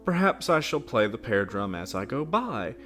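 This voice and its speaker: A man's voice: medium pitch, big pitch swings, moderate pace, fairly bright tone, soft background music. A man voicing an odd young village girl who talks in prim, teasing riddles and sounds pleased with herself.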